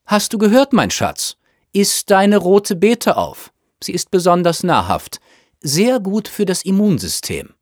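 A man's voice: sits high, huge pitch swings, unhurried, no room sound, clean studio sound, voice pushed up, heavily acted. A man voicing a snobbish, self-absorbed upper-class mother who chatters in a gushing, fussy way. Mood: fussing.

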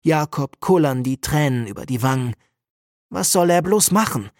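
A woman narrating a children's audiobook with a lively, expressive reading. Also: deep voice, normal speed, dry recording, studio quality. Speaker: storyteller.

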